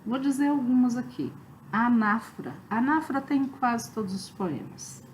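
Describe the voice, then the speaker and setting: A woman's voice: on the high side, normal speed, a little hiss or hum, low-quality recording. A woman with a Brazilian Portuguese accent giving an online review lecture as a literature teacher. She explains step by step and often checks in with "né?" and "tá?". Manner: explanatory, many fillers like "né?" and "tá?".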